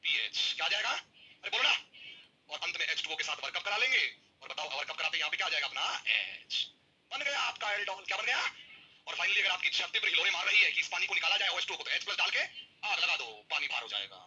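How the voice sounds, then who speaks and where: An energetic male teacher lectures on chemistry at a rapid clip, always pushing his students to answer back. His voice sits high and sounds very bright and cutting, with a faint hiss of noise behind it. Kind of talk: classroom lecture.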